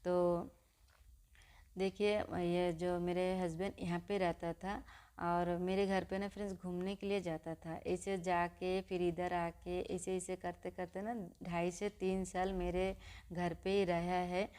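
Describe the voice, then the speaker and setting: A young woman speaking to her vlog viewers, her voice sitting low and staying level. She tells a personal story haltingly, stopping and restarting often. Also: little pitch movement, warm tone, clear, resonant tone. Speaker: vlogger.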